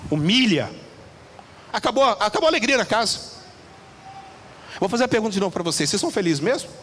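A man preaching a lively sermon to a congregation, asking questions and acting out little voices. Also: high-pitched, fast talker, slight background noise. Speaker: pastor. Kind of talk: lively sermon with audience interaction. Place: church hall. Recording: reverberant church hall, faint ambience.

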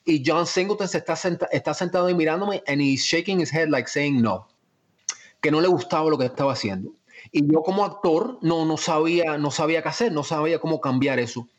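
A man with a Cuban accent, an actor telling stories from his career in an animated, emphatic way. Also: fairly high pitch, a little fast. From Miami, United States. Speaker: actor guest. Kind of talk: casual anecdotal storytelling.

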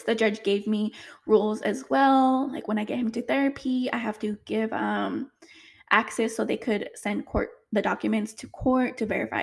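Gravelly-voiced young mother venting. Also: a little high. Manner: chatty, many fillers, emotional. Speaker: single mother vlogger. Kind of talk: casual storytime vlog.

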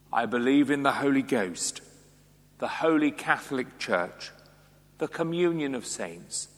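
A man leading formal Anglican prayers in a solemn, measured way, with a cathedral echo around his voice. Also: medium pitch. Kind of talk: liturgical prayer recitation. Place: large reverberant church. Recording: cathedral echo, long reverb.

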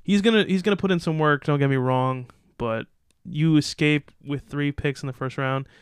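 Man, podcast co-host, opinionated, casual, very clear voice, dry room. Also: fairly high pitch, moderate pace, no echo. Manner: opinionated, loose, reads out picks then riffs. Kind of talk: casual sports draft chat.

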